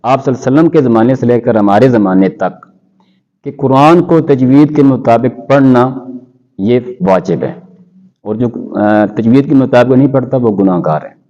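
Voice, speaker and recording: A man who teaches Quran recitation, answering interview questions in a measured way and quoting scholars in Arabic. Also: medium pitch, dark tone, dull audio.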